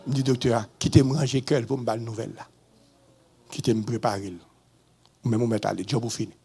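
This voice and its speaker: A man with a Haitian accent, a pastor giving a testimony in a sermon, swinging between low murmurs and sudden high shouts. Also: flat delivery, a little fast, husky.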